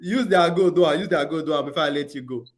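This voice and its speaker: Nigerian man, sports host, high voice, rapid, pushy and upbeat. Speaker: football show host. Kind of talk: casual sports talk.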